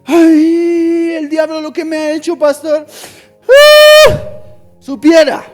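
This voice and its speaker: A man's voice: very high voice, moderate pace, music in the background, voice pushed up. A man voicing a discouraged church member who pleads desperately with his pastor for help. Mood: wailing.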